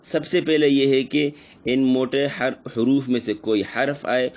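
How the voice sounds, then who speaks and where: A man teaching Quran recitation rules in a slow lesson, patiently repeating each example with drawn-out pronunciation. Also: medium pitch, steady tone, muffled recording.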